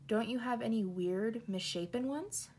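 A woman's voice: a little high, unhurried, darkish tone, slight background noise, close to an everyday voice. A woman voicing an eager father bear who gets carried away with holiday plans, reading him in a storybook.

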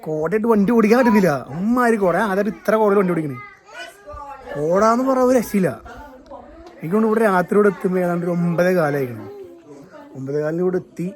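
A man's voice: high-pitched, quick pace, pauses often. A man from Kerala vlogging casually on a family trip, upbeat as he shows the resort to his viewers. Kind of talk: casual vlog commentary. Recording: echoey with music behind.

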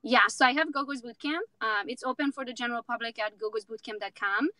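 A woman's voice: fairly high pitch, quick pace, bright, forceful tone, no echo, low-quality recording. A woman from Romania, a real estate agent in her thirties, talking outspokenly and with jokes as a guest in a casual interview. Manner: outspoken, confident, joking.

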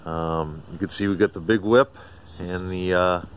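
Deep-voiced and fairly even in intonation, this amateur radio enthusiast narrates a casual walkaround of his own video in a residential driveway. He speaks haltingly and colloquially, without a script. The audio comes from a handheld camera or phone run by an unseen operator, with birdsong and outdoor ambience behind him.

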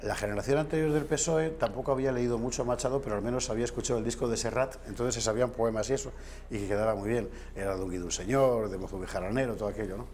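A man's voice: medium pitch, very fast, darkish tone, a little hiss or hum. A man in his fifties, a guest author in a TV news studio, talking in a discursive way with wry asides, recorded on a lapel mic.

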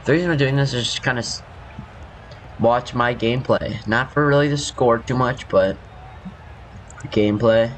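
Still scratchy from just waking up, a young gaming YouTuber talks over his own gameplay in a medium-pitched voice. He keeps a moderate pace but pauses often, rambling, correcting himself and apologizing as he goes.

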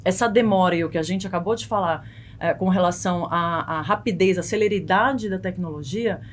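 In a small foam-padded podcast studio, a woman in her thirties with a Brazilian accent speaks fairly quickly in a low-leaning voice into a close boom-arm mic. As an expert guest she explains things conversationally and often checks in with short tag questions, with a little hiss or hum.

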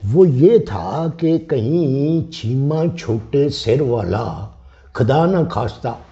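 Slow, animated man playing the comic villager; lo-fi audio. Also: slight background noise. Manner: slow, rambling storyteller with lively swings in pitch. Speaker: comic village character in a health talk. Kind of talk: rustic comic banter. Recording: dull lo-fi sound.

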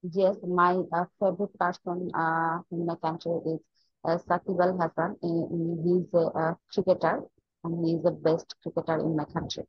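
A woman from Bangladesh with a lowish, slightly husky voice answers test questions, pausing often with fillers. The sound is dry and a little dull. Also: level tone, dry recording. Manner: hesitant, many fillers. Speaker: test candidate. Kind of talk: mock exam answers.

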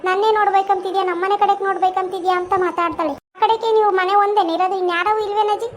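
A voice actor doing an indignant quarrelsome village wife. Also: female voice, extremely high pitch, fairly even intonation, racing, slight background noise. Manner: indignant, complaining, argumentative. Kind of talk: cartoon voice acting.

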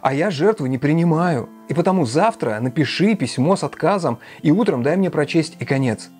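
A man's voice: a little high, animated, a little fast, a little mellow, soft background music, voice pushed up, lightly acted. A man voicing a feverish, irritable young man who gives curt commands. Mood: commanding.

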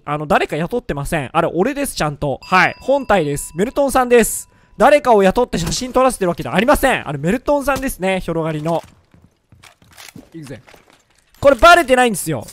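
A hoarse man giving excitable, joking gameplay commentary, often mocking himself. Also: sits high, a little hiss or hum. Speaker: gaming video creator.

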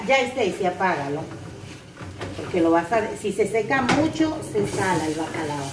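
A woman's voice: medium pitch, heavy background noise. Chatty older woman in echoey kitchen. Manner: chatty, talks to viewers as "chicas". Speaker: cooking channel host. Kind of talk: casual kitchen vlog. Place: home kitchen. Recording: echoey kitchen with clattering pots.

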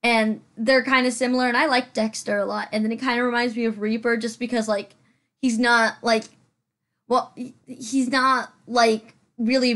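A woman hosting a build video, rambling in casual voice-over, chatty and self-deprecating, with many fillers, a little out of breath, sitting farther from her mic than usual. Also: a little high. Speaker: Sims building channel host.

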